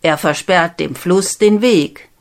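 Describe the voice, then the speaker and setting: Eine Frau, die in einer Märchenlesung einen strengen, misstrauischen alten König spricht, langsam und nachdrücklich. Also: female voice, lowish voice, slow pace. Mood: stern. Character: stern old king, commanding and suspicious.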